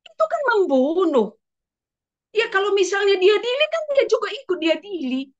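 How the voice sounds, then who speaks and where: A woman preacher in an animated sermon, spinning a story with frequent exclamations. Her voice sits high, and the recording is muffled and lo-fi. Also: moderate pace. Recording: dull lo-fi recording.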